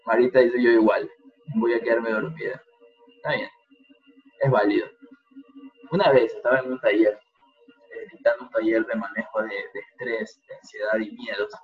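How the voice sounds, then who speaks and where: Calm man guiding a relaxation exercise. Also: fairly low pitch, narrow, tinny audio. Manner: calm, slow and coaxing, with repetitions. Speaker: workshop facilitator. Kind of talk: guided relaxation exercise for an online group.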